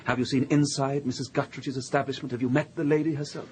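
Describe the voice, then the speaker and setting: A man's voice: medium pitch, little pitch movement, fast, a little hiss or hum, close to an everyday voice. A man playing a stern dedicated doctor. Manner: stern, earnest, curt. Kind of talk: radio drama.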